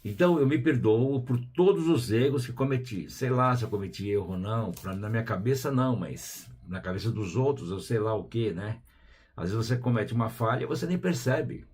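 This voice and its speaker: A man with a Brazilian Portuguese accent hosts a spiritual program, chatting in a relaxed way with frequent tag questions and quiet asides. His voice is medium-pitched, slightly rough, and a bit fast.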